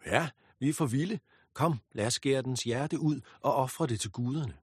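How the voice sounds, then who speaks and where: A man's voice: medium pitch, husky, no echo, studio quality, lightly acted. A man voicing a proud, boastful young hero king with a confident manner.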